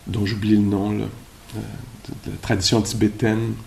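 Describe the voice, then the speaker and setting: A man's voice: on the low side, little pitch movement, moderate pace, vocal fry, a little mellow, a little hiss or hum. A man with a Québécois accent giving an informal, conversational dharma talk at a meditation retreat, musing aloud with rhetorical questions. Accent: Québécois French. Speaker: meditation teacher.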